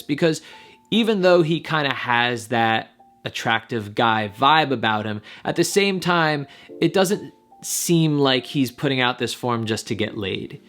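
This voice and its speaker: A man's voice: medium pitch, a bit bright. Candid male dating coach commentating. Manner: candid, analytical, occasionally swears. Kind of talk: video reaction commentary.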